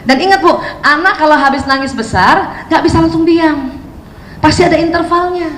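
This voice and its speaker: A high-pitched woman speaks to a hall full of mothers. She is lively and chatty, and she acts out little scenes between mother and child. The room echoes, with faint ambience behind her. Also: normal speed, slight background noise. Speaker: parenting speaker. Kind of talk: talk to an audience of mothers. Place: hall with an audience.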